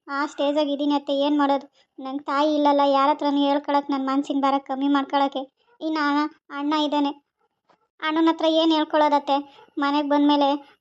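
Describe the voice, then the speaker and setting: Brief: a woman as a grieving young wife in a home drama, high, flat delivery, muffled sound. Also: lightly acted. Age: young adult. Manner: quiet, resigned lament. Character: patient young wife, sorrowful and restrained. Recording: dull lo-fi.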